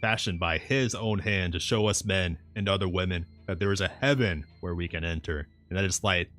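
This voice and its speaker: A man playing a deep, courtly old professor. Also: normal speed, a bit bright. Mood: warm, admiring. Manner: solemn, courtly, quaintly broken phrasing. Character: kindly, earnest, strong-faced old male professor.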